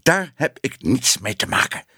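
A man reading a storybook and voicing a pompous rich man who shouts with a trembling voice. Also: mid-range voice, big pitch swings, drawn-out words, husky, no room sound, studio quality, pitched above the performer's own voice, full character voice. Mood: furious.

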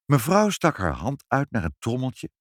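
A man narrating a children's story in a lively, expressive reading. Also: medium pitch, normal speed, no echo, studio quality.

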